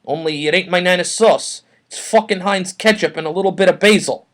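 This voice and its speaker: Man putting on a short angry New York guy, Brooklyn accent, high-pitched, shouting rants. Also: a little fast. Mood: smug. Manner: shouting, aggressive ranting.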